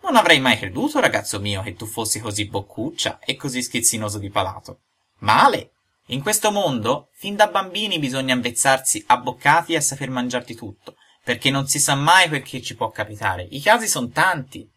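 A man voicing a patient, kindly old father who lectures gently in a storybook reading. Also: mid-range voice, big pitch swings, fairly quick, few pauses, slightly rough, voice pushed up, heavily acted.

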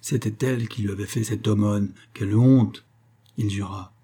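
A man narrating a classic novel aloud in a measured, expressive reading. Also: on the low side, husky. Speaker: reader of a novel. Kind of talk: literary audiobook narration.

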